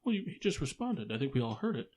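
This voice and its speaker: A man hosting a casual sports podcast, teasing his co-hosts and firing off quick questions. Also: medium pitch, very animated, darkish tone, slight background noise. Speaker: podcast host.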